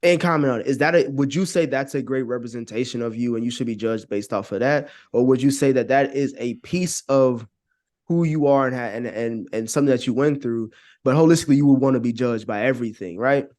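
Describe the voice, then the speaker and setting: On a podcast, a male guest talks through his opinions casually and earnestly, peppering them with slang and frequent "you know what I'm saying." His voice is mid-range, a little fast and a little mellow.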